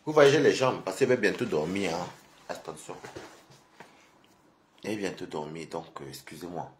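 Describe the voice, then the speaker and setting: A man's voice: low voice, normal speed, background noise. A tired, sleepy man hosting a live stream, ranting at a rival and repeatedly calling her out with taunts. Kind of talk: confrontational live-stream rant. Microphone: phone.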